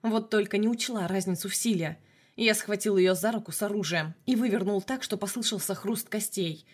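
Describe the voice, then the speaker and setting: A woman's voice: medium pitch, fairly quick, slightly rough. Woman narrating an audiobook.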